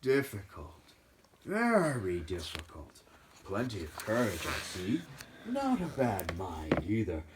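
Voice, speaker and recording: A man reading aloud and voicing an old male magical talking hat that muses slowly and then bellows its choices. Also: sits low, huge pitch swings, noisy background, heavily acted. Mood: musing. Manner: slow, musing, then bellowing house names.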